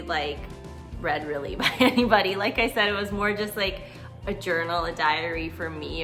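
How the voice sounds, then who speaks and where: A middle-aged American woman tells her own story in a personal vlog, talking conversationally in an earnest, reflective way and stressing key words. Her voice is fairly low in pitch and a bit bright.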